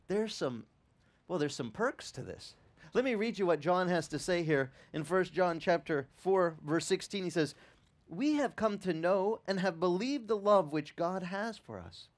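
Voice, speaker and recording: An Italian-American-raised pastor in his fifties, high-pitched and unhurried, delivers a sermon under a beach tent in the open air. Through his headset mic he talks in a loose, animated, conversational style, with restarts and remarks to the audience.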